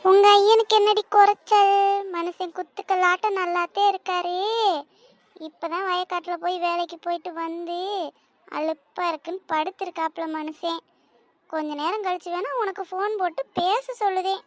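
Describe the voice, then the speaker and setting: A woman voicing a fond, easygoing elderly village grandmother, in a low, soft, slow voice. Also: fairly even intonation, no echo. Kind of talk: cartoon voice acting.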